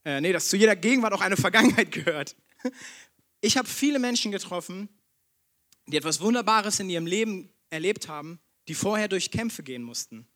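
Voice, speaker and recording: A man's voice: high-pitched, animated, a little fast, fairly bright tone. A man preaching a sermon in a direct, conversational way, speaking straight to his listeners.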